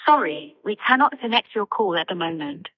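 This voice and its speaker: A woman's voice: mid-range voice, fairly quick. A synthetic woman's voice acting as an automated phone receptionist, reading menu prompts as it plays over a speakerphone. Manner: even, synthetic announcer delivery. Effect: played over a speakerphone. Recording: lo-fi speakerphone sound from off-mic.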